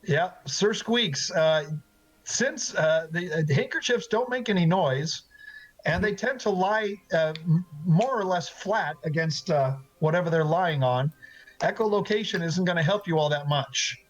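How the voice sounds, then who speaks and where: Male game master, halting narration full of fillers, high voice, dull lo-fi audio. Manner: halting, many fillers and restarts.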